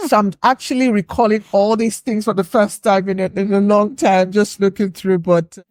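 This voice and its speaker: A woman from Nigeria, speaking with a Nigerian accent, sits as a guest in a casual podcast interview and reflectively revisits her past at an easy pace. Her mid-range voice has a darkish tone and moderate pace, recorded dry in studio quality.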